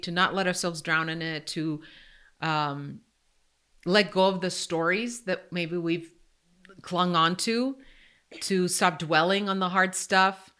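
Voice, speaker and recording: Candid woman podcast host, bright tone. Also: lowish voice, clean tone. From Croatia. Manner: candid, self-deprecating and joking. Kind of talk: casual podcast chat.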